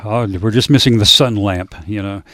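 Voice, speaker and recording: A man's voice: on the low side, normal speed, crowd noise. A man, hosting a casual chat in his home studio with dry joking banter. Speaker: radio host and producer.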